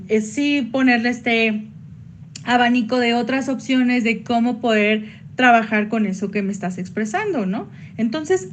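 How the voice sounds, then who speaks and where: A woman psychologist giving a workshop online, chatty, with sudden high jumps when she acts out quoted voices. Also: a little hiss or hum.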